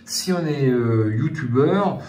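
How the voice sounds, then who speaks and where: A man's voice: medium pitch, expressive, takes it slowly, mellow, echoey room, slight background noise. A man hosting a board game channel, talking casually to his viewers with many fillers and restarts.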